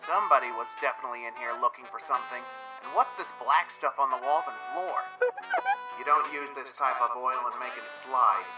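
A man's voice: mid-range voice, fairly quick, close to an everyday voice, poor audio. A man voicing a cocky young hedgehog hero playing detective in a comic dub. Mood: brisk, focused. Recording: music behind the voice.

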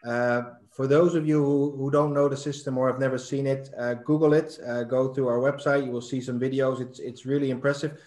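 A middle-aged man hosts a live online talk show from a webcam, speaking in a flat, even tone. His voice carries a roomy echo, and he leans on fillers and repeated words as he explains. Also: mid-range voice, brisk, hardly any pauses. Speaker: host. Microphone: webcam on video call.

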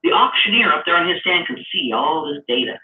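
Man, trading instructor, chatty explainer, slightly high voice, roomy echo, distant thin phone-like sound, faint hiss. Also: sing-song, fairly quick. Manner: chatty, explains with long everyday analogies. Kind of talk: live online trading lesson. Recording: echoey, far from mic, tinny lo-fi sound with faint noise.

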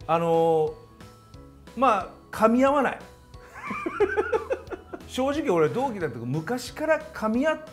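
An impressionist comedian man hosting a casual comedy chat. He teases and talks animatedly, his pitch swinging very widely. Faint music plays behind him. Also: big pitch swings, a little slow, pauses often.

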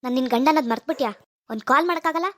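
A woman's voice: high-pitched, very fast, lightly acted. A woman voicing a worried, jealous young husband from a village, scolding and muttering to himself. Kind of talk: cartoon voice acting.

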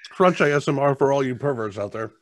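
Lively intonation and a quick pace mark this mid-range male voice, heard over slight background noise. He's an American in his thirties casually reviewing snacks, matter-of-fact and crunching as he talks, from a desk indoors on a video call via headset.

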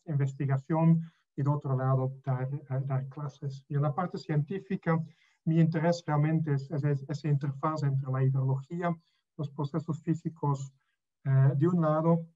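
A middle-aged Belgian professor, not a native speaker and whose first language isn't Spanish, gives an online lecture from a room at home. His slightly high voice comes through a webcam as dull, lo-fi call audio, and he speaks haltingly with many fillers and restarts.

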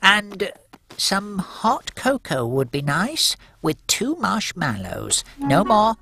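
A woman voicing a polite male penguin in a cartoon who has a stuffy sneezing cold and a gravelly, put-upon way of talking. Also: medium pitch, big pitch swings, slow, heavily acted. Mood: sniffly. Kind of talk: cartoon voice acting.

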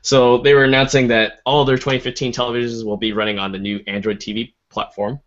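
A man's voice: mid-range voice, flat delivery, fast talker. A man co-hosting a casual tech podcast, presenting news items from his notes with frequent fillers and hesitations. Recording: dull lo-fi podcast audio.

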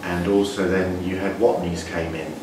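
A man in his forties, a brewer, explaining things in a measured way with frequent restarts during an interview in a brewery. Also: low voice, level tone. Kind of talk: interview answers. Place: indoor brewery floor. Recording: echoey, distant, noisy brewery room.

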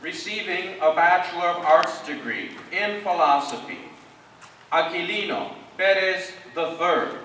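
A man slowly and deliberately reading out graduates' names and degrees at a formal commencement ceremony. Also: high voice, lively intonation, bright, forceful tone, a little hiss or hum. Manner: slow, measured, deliberate name reading. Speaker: commencement name reader. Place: large ceremony hall. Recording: echoey hall from far off.

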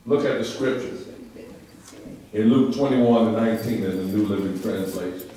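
A man's voice: lowish voice, normal speed, noisy background. Middle-aged male pastor, call-and-response preaching, miked from the pulpit but heard from far off in a roomy sanctuary. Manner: repeats phrases, call-and-response with the congregation. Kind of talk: preaching a sermon. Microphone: handheld mic, filmed by a far camera. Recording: echoey church room, far-off camera. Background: congregation murmuring responses.

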